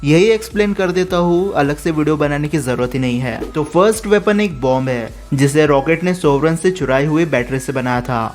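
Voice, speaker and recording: Brisk male explainer host, a touch high-pitched, scripted Q&A delivery over soft background music.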